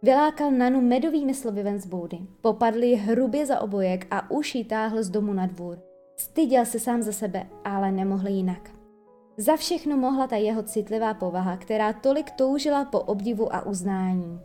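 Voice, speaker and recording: Woman narrator, children's audiobook, expressive, warm mellow voice, faint music behind. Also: fairly high pitch. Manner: expressive, lively storytelling. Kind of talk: audiobook reading of a children's story.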